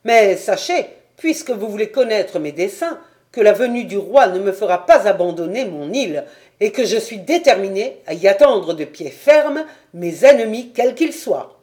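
A woman's voice: mid-range voice, lively intonation, normal speed, warm tone, lightly acted. A woman voicing a proud, defiant male rebel captain in a storybook reading, bold and haughty.

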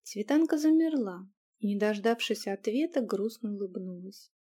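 A woman reading a fantasy story aloud as a calm, measured audiobook narrator. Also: mid-range voice. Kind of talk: scripted narration.

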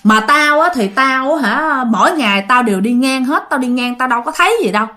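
A woman with a Southern Vietnamese accent voicing a stubborn, fearless older village man who talks gruffly and defiantly. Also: high-pitched, expressive, a little fast, bright, forceful tone. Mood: boastful.

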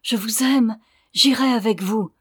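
A woman's voice: a little high, unhurried, breathy edge, no echo, clean studio sound. A woman reading the lines of a tender, sincere young orphan girl in an audiobook.

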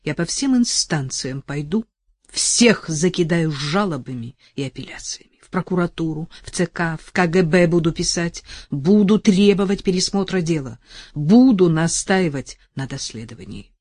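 A woman's voice: lowish voice, animated, moderate pace, darkish tone, no room sound, studio quality. A woman reading an audiobook voices a young bride who mutters bitter, defiant thoughts and vows. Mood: vowing.

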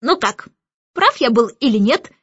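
A woman's voice: a little high, very animated, normal speed, a bit bright, husky, no room sound, lo-fi sound, heavily acted. A woman voicing a cheeky, chattering male starling bird who teases and mocks in a sly tone, in an audiobook. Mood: gloating. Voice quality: teasing, sly.

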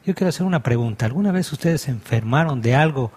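A man's voice: medium pitch, lively intonation, fast talker, a little mellow, husky. A man who is a pastor hosts a religious TV talk show, welcoming his guests in the manner of a presenter. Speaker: host, pastor.

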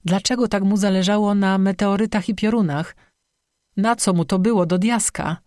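A woman's voice: mid-range voice, steady tone, normal speed, a little mellow, dry recording, clean studio sound, pitched above the performer's own voice, close to an everyday voice. A narrator voicing a grieving widowed fisherwoman. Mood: desperate. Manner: pleading, distressed questions. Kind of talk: audiobook dialogue.

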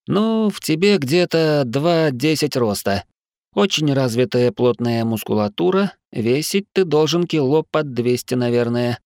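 A man voicing Lars, a Dutch man who pleads with and calmly reasons with a friend. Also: mid-range voice, unhurried, dry recording, studio quality, voice pushed up. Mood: coaxing.

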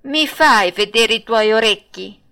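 A woman voicing Pinocchio, a mischievous wooden puppet boy, in a storybook audiobook, with a childlike manner. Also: a little slow. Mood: cheeky. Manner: high, lively childlike voice.

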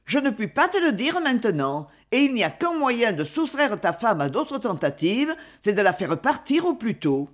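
Grave secretive countess mom, soft but insistent, lots of swing in the voice, narrator doing her. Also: mid-range voice, sing-song, moderate pace, few pauses, lightly acted. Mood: grave warning. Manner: solemn, insistent, softly grave.

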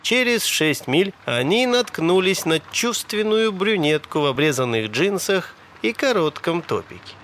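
A man narrating an audiobook in a steady storytelling manner. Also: sits high, unhurried, hardly any pauses, a little hiss or hum. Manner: steady storytelling with dramatic voices.

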